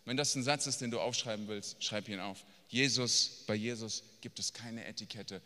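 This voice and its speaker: Blunt, bright-voiced preacher in a reverberant hall. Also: male voice, fairly low pitch, moderate pace. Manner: emphatic and blunt, swinging from quiet asides to near-shouting. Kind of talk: sermon. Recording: long reverb of a large hall.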